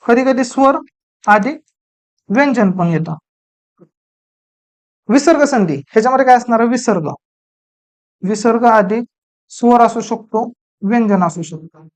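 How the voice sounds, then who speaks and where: Woman grammar teacher with a slightly high voice, drilling terms through self-answered questions. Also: measured pace, long pauses, a little mellow. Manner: asks the class questions and answers them herself, repeating key terms. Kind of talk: exam-prep grammar lecture.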